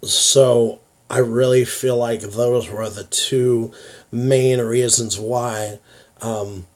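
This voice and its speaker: American guy vlogging, slow halting speech, dysphonia, works hard to get words out, confiding and casual. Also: medium pitch, fairly even intonation, a little mellow. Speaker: YouTube vlogger. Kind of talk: confiding casual talk to viewers.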